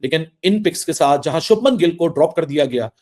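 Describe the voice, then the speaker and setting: A man's voice: a little high, lively intonation, fairly quick, a little mellow. Emphatic male cricket pundit. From Pakistan. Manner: insistent, building lists for emphasis. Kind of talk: emphatic analysis.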